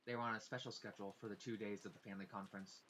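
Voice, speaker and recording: A man reading a visual novel's narration aloud for a let's play, with expressive delivery and casual, swearing asides. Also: fairly low pitch, racing, slight background noise. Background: faint game music.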